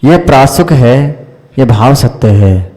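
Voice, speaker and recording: Slow, higher-voiced man teaching in a reverberant hall. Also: expressive, mellow. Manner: quizzes listeners with questions and repeated "isn't it?" checks. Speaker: Jain monk teaching a class. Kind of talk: religious teaching discourse.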